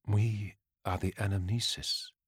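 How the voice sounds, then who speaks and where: A man voicing a detached female machine hive mind who speaks in a flat, formal way. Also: lowish voice, measured pace, slightly rough, no echo, clean studio sound.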